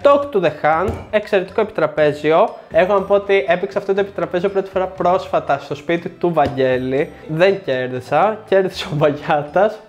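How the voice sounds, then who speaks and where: A man's voice: high voice, hardly any pauses, dull audio, soft background music. A young man hosting a board game review show, presenting in a scripted, joking way with sarcastic asides.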